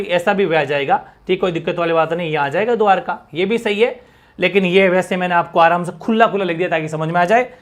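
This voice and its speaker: A male teacher teaching a language lesson for an exam, often checking in with his students and thanking viewers in the chat. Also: high voice. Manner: explains with constant check-ins to students.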